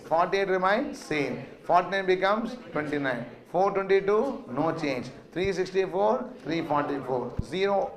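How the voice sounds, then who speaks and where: A man with a South Indian accent teaches maths in a slightly high-pitched voice. He dictates figures and phrases, repeating them for note-takers. He prompts his students with short questions. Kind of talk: classroom lecture with dictation.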